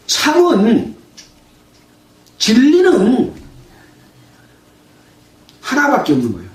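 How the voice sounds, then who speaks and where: A man's voice: extremely high pitch, recorded from a distance. A male pastor preaching a sermon. He asks the congregation questions, answers them himself, and raises his voice to act out quoted sayings. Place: church. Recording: echoey room, voice from afar.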